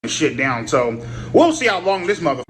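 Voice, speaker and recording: A man's voice: on the high side, big pitch swings, fast talker, a bit bright, poor audio. A man ranting profanely to camera in a vlog clip, heated and blunt. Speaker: vlogger in a clip. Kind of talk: rant to camera.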